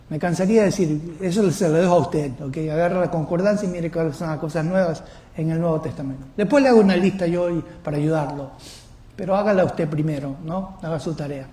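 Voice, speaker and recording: A man's voice: a little high, mellow, roomy sound. A male pastor preaching a sermon, often putting questions to his listeners.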